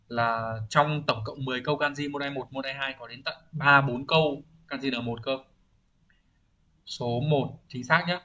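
A man's voice: medium pitch, pushed and bright, lo-fi sound. A man teaching an exam-prep vocabulary lesson, explaining each answer and often checking understanding with rhetorical questions. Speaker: Japanese language teacher.

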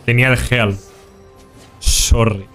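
A young Spanish-accented man streams his gameplay, chatting loosely and full of slang with his viewers. His voice sits at an ordinary middle pitch. Soft music plays faintly underneath. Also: steady tone, takes it slowly. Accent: Spain Spanish. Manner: casual and slangy, talks to chat. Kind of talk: live gameplay commentary.

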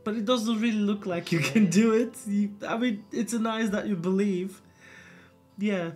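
A woman's voice: mid-range voice, a little slow, a little mellow, faint music behind. A woman hosting a reaction video, thinking aloud in short bursts and repeating words as she watches. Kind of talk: casual reaction commentary.

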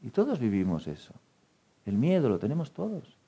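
A man giving a spiritual talk to an audience, telling lively stories, acting out quoted dialogue and laughing often. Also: medium pitch, normal speed, husky. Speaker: speaker at a meditation talk.

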